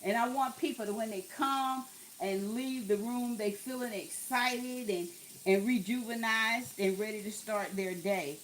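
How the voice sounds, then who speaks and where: A woman's voice: a little high, measured pace, a little hiss or hum. A woman chatting casually to her viewers while cooking in her home kitchen. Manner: chatty, talks to viewers as "y'all", exclaims over the food. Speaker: cooking vlogger.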